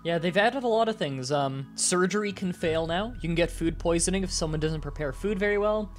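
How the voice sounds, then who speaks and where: A congested man wearing a nasal strip, short of breath, chatting casually to viewers as a live streamer and pausing to breathe. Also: high-pitched. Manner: halting, with pauses to breathe and throat clearing. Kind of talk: casual livestream chat to viewers. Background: music.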